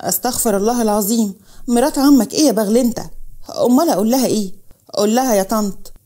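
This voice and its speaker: A woman voicing a stern, protective middle-aged father with an Egyptian accent, speaking in a gruff, scolding way. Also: a little high, rapid-fire, dark tone, close to an everyday voice. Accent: Egyptian Arabic.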